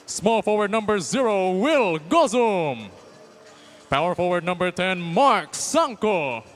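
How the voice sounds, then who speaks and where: A man announcing starting lineups over an arena PA in a drawn-out, dramatic style like a fighting game announcer. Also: sits high, very animated, fairly bright tone, faint music behind. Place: indoor arena over a public address system. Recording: long gym PA reverb.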